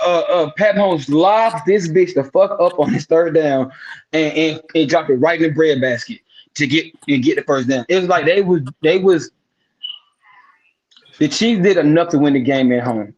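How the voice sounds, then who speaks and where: A man co-hosts a casual sports podcast, breaking down games in a profane, emphatic style and repeating words for effect. His fairly high, slightly mellow voice moves at a moderate pace, and the recording sounds muffled.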